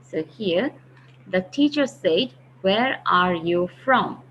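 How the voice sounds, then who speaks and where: Speaking slowly in a mid-range, animated voice with a fairly bright tone, a woman presents a recorded online grammar lesson. She explains things patiently and repeats key phrases, though the audio is dull, lo-fi and faintly hissy.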